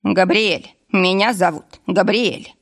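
A woman's voice: mid-range voice, steady tone, slow pace. A woman reading an audiobook voices a stern former police officer who speaks firmly and curtly. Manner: firm, commanding, curt.

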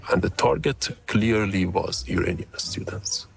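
A man whose voice has been shifted down to hide who he is. The disguise leaves him very low, with a gravelly, creaky edge. He talks earnestly and haltingly, as an interviewed researcher. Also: expressive, faint music behind. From Iran. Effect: voice disguised by a deep pitch shift. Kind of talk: interview clip.

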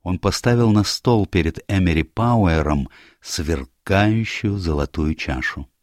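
A man narrating a detective story as an audiobook in a measured, even way. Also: sits low, no room sound, clean studio sound.

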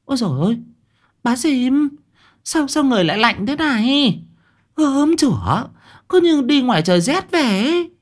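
A man voicing a shrill, nagging middle-aged village wife in a ghost story. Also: sing-song, normal speed. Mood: alarmed.

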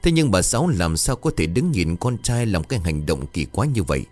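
Brief: male storyteller, low and lively, soft music underneath. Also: a little fast, no echo. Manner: dramatic, expressive storytelling. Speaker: narrator. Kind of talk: scripted horror story narration.

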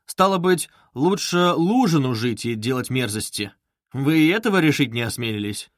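A man's voice: medium pitch, animated, normal speed, no room sound, natural voice. A man voicing a brooding, feverish young man who presses his questions insistently, read as an audiobook in a dry studio. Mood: pressing. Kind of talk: audiobook reading.

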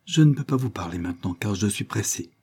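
A man's voice: lowish voice, lively intonation, fast, a little mellow, husky. A man reading an audiobook, voicing a proud, scheming young woman servant who speaks indignantly and defiantly. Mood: pleading.

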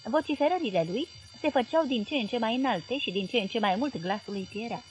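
A woman reading a novel aloud as audiobook narrator, steady and expressive. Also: fairly high pitch, soft background music, poor audio.

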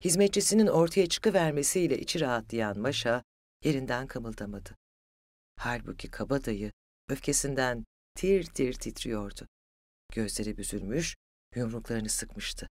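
An audiobook narrator reading a literary story in an even, steady way. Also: mid-range voice, normal speed, no room sound.

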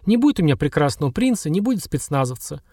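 A man's voice: fairly high pitch, big pitch swings, fast, mellow, dry recording, studio quality. A man voicing a streetwise young woman nurse in an audiobook, talking coarse street slang with wry chuckles. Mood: weary. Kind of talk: audiobook dialogue.

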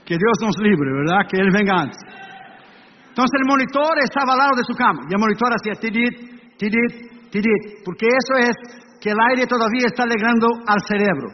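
A man with a high-pitched voice preaches an evangelistic sermon, acting out his story with beeping sound imitations. He is heard in a large hall, with a long reverb tail. The recording is dull and carries a faint hiss. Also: lively intonation, brisk, pauses often. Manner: dramatic storytelling, imitating monitor beeps.

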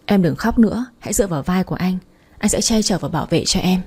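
A woman reads the part of a soft-spoken young boyfriend in a spoken story, teasing yet protective. The voice is dark and mellow with a husky, breathy edge. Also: lowish voice, expressive, fast. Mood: tender. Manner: soft, reassuring, lightly teasing. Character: gentle teasing young man, the narrator's boyfriend.

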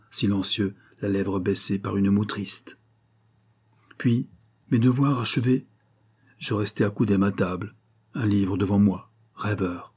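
A man narrating a literary story aloud, in an expressive, dramatic reading style. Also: on the low side, slightly rough. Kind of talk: scripted audiobook narration.

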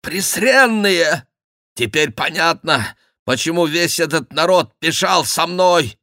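A man's voice: fairly high pitch, expressive, takes it slowly, sharp tone, no echo, clean studio sound, pitched above the performer's own voice, full character voice. A man playing a blustering young swordsman. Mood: raging. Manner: blustering, exclamatory. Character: bold young male courtier, swaggering, given to German oaths.

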